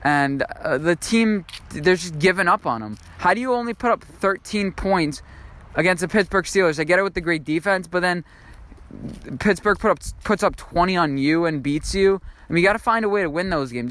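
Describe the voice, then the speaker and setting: Young guy riffing on football, kinda high clear voice, lots of ums and restarts. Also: a bit bright. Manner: rambling, thinks aloud with fillers and restarts. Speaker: sports video host. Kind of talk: unscripted football commentary monologue.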